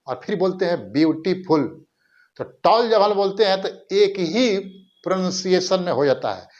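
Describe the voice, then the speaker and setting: Slow, high-voiced grammar teacher. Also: male voice, highs cut off. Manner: slow, repeats words to drill them. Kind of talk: grammar lesson with whiteboard explanation.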